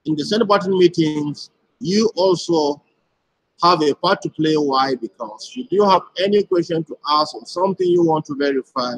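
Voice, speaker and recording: A man's voice: a little high, gravelly, slightly rough, rough recording. A man giving a live broadcast to his community, explaining things step by step and often asking "why?" before answering it himself. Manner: repetitive rhetorical questions answered at once.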